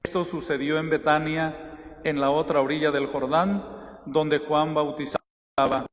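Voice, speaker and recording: A man's voice: fairly high pitch, fairly even intonation. A man leading Mass as a priest, chanting responses and reading the gospel in a large church with a long cathedral echo. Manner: slow, measured chant on the responses. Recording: echoey church recording, faint music.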